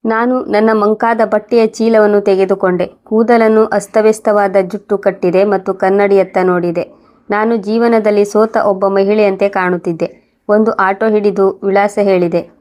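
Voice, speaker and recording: A woman telling a moral story as scripted first-person narration, calm and measured. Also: mid-range voice.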